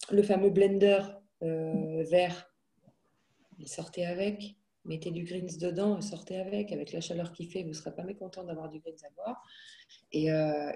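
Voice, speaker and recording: Woman, 30s, casual storyteller, warm low voice, animated quoting. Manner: lively anecdotes, animated quoting. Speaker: network marketing distributor. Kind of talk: casual talk to camera.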